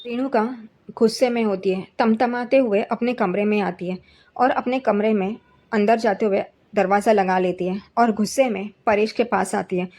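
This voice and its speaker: A woman's voice: fairly even intonation, normal speed, a little mellow. A woman casually narrating an episode recap in a conversational way. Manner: conversational, reads characters' quotes with slightly raised pitch. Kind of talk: casual spoken retelling of a TV serial episode.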